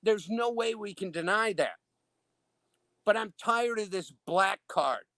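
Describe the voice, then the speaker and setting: A man's voice: sits high, expressive, unhurried, a bit bright, no room sound. A man who hosts his own show, talking in an emphatic, indignant way in a heated political discussion. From Illinois. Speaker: show host.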